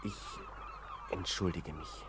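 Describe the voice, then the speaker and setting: A defiant young asylum patient, reverberant. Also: male voice, low-pitched, steady tone, slow, noisy background. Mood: playful. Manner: intense, bitter and sarcastic toward the doctor. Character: troubled young man held in an asylum, defiant. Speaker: patient confined to a sanatorium. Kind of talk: German radio play acting.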